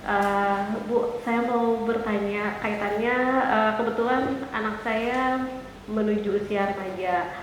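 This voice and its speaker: A woman in the audience slowly and hesitantly asking the speaker a question. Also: medium pitch, steady tone, slight background noise. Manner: slow and hesitant. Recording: echoey hall from far off.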